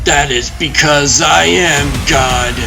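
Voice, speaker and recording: A man's voice: a little high, slow pace, creaky, over music. A man voicing an imperious, menacing god-emperor tyrant in a comic dub, grandiose and commanding in his delivery. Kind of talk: theatrical comic-dub villain acting.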